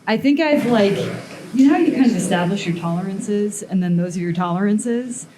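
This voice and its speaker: At a smithing event's metal workshop, a woman blacksmith and sculptor gives a live demonstration to an audience, talking casually and thinking aloud with fillers and restarts. Her mid-range voice is brisk with lively intonation, and crowd noise is audible.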